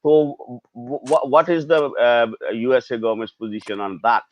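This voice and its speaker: A man moderating a panel, introducing speakers and asking halting, hesitant questions. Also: medium pitch. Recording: dull, dry lo-fi audio.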